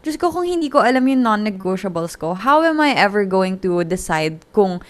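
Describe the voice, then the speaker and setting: A woman's voice: mid-range voice, very animated, fairly quick. A woman in her twenties with a Filipino accent, hosting a podcast and chatting casually, mixing Tagalog and English and laughing often. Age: 20s. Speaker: podcast host. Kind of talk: casual chat. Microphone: podcast call.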